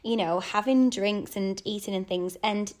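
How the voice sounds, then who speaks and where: Chatty woman, slightly croaky. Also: medium pitch, a little slow, a little mellow. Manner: chatty, giving friendly practical tips. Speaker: wedding makeup artist, podcast co-host. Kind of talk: casual podcast chat.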